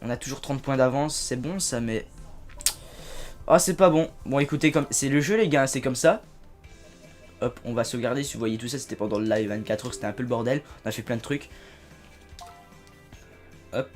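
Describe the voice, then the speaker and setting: A man hosting a casual let's-play video, chatty and excitable, with sudden loud outbursts between low asides. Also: moderate pace, long pauses, soft background music. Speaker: gaming video host.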